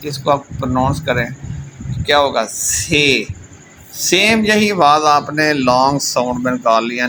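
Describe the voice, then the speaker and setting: A man teaching a vocabulary lesson, repeating each word and often checking in with his students. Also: medium pitch. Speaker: German language teacher. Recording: steady background noise.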